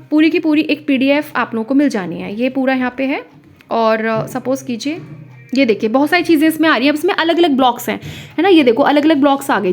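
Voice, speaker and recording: A young woman teaching as an exam coach, walking viewers through study material in a chatty lesson and checking in often with short asides to the listener. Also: high voice. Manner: chatty, repeats "है ना" and "ठीक है" to the listener. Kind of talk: screen-share lesson talk.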